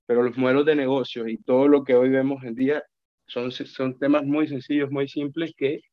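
Speaking with a Colombian Spanish accent, this account manager in his thirties from Colombia joins a casual podcast as a guest. He is reflective, often stopping to restart or repeat words, in a flat, medium-pitched voice at a moderate pace. The lo-fi recording sounds dull, dry and close, without any room sound.

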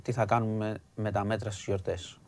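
A man's voice: fairly low pitch, level tone, a little mellow. A man co-hosting a radio show, retelling news stories in a casual, dramatic way. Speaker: radio co-host. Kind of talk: recounting news items in casual chat.

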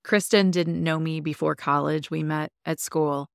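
Brief: young woman podcast host, lilt, chatty and upbeat, lowish voice, dry close sound. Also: steady tone, a little slow, creaky, dry recording. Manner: chatty and enthusiastic, many likes. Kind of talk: casual chat.

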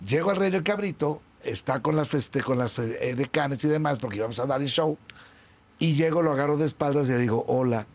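A middle-aged man with a Mexican accent, an interview guest who tells an anecdote and acts out the remembered dialogue himself. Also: a little fast. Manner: acts out both sides of remembered dialogue with big pitch swings. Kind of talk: storytelling in an interview.

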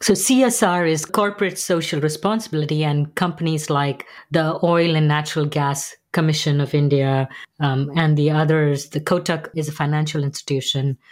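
A middle-aged woman interviewing, speaking in a thoughtful, conversational way. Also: low voice.

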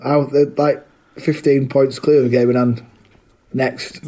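A man's voice: medium pitch, flat delivery, a little slow, dark tone. A man co-hosting a football podcast, blunt and teasing as he argues his point. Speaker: podcast co-host. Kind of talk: casual sports chat.

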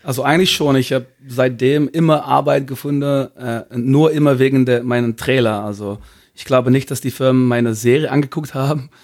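A man's voice: medium pitch, steady tone, brisk, a little mellow. Hesitant man, easygoing guest. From Belgium. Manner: hesitant, searching for words, easygoing. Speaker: podcast guest. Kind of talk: casual interview.

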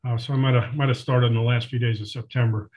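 Halting older veteran remembering, flat delivery. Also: male voice, mid-range voice. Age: 60s. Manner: old veteran remembering, halting and matter-of-fact, with many pauses. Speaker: interview guest, retired Special Forces soldier. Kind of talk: unscripted reminiscing in an interview.

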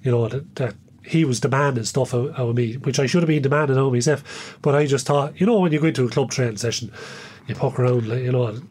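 A man's voice: mid-range voice, quick pace, a little mellow, breathy edge. A man with an Irish accent reminisces casually as an interview guest, speaking in a colloquial, self-deprecating way. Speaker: interview guest, former hurling player.

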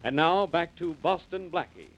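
A male announcer giving a brisk scripted recap of the story in old-time radio style, heard as an old broadcast. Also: fairly high pitch, animated, loud music behind the voice, low-quality recording. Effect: old radio broadcast sound.

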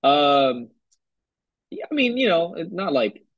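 A young man from Hawaii talks easily in a casual interview, his voice slightly husky and breathy. The sound is close and dry. His speech wanders loosely, full of fillers. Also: on the high side, takes it slowly, no room sound, dull audio. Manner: relaxed, loose, filler-heavy talk. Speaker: guest musician. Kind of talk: casual conversation.

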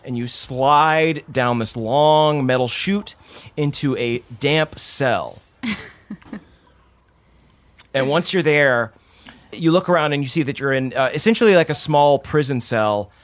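A man's voice: medium pitch, measured pace. A man narrating a tabletop game as the game master.

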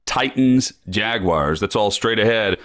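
A man's voice: fairly low pitch, animated, unhurried, a bit bright. Playful man hosting a sports podcast. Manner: playful, teasing. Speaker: podcast host. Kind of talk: casual podcast chat and show promos.

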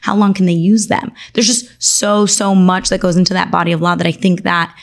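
A woman's voice: on the low side, level tone, gravelly. A woman born in Argentina and raised in Miami, an attorney speaking as a guest in a conversational interview, articulate and enthusiastic. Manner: articulate, enthusiastic, lists things quickly.

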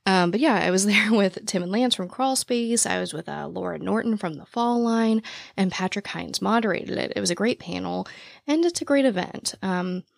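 A young woman hosting a true crime podcast, with a naturally raspy voice, talking very fast and out of breath, with laughs and fillers. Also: mid-range voice, animated, no echo, clean studio sound. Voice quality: naturally raspy voice with vocal fry. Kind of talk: casual chat to listeners. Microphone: podcast mic, standing while recording.

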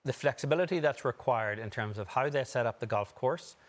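A man's voice: medium pitch, brisk. A man speaking as a golf analyst, giving analytical commentary on the broadcast.

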